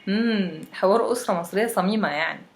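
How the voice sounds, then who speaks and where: A woman's voice: quick pace, natural voice. A woman voicing a curious, teasing young woman who keeps asking her friend questions. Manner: eager questioning, raised pitch.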